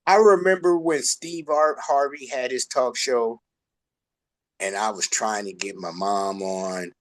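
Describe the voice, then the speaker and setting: A man hosting a music show chats casually in an informal, slangy, effusive interview style. His voice is mid-range and unhurried.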